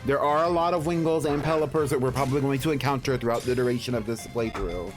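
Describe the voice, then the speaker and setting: A man's voice: mid-range voice, quick pace. A man hosting a casual game livestream, chatty and friendly as he greets viewers and comments on play. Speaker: live game streamer, host. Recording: music playing behind the voice.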